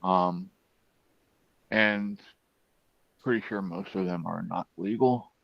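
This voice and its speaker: A man in a casual chat who tells stories haltingly, with many pauses and restarts. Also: low voice, creaky, dry recording, muffled recording.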